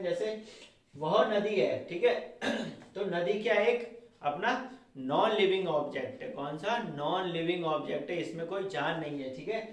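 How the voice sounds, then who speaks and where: A man teaching a grammar lesson. He keeps asking his students questions, answers them himself, and ends lines with a quick "theek hai.". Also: sits high. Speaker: English teacher. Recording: very echoey room, voice from far off the mic.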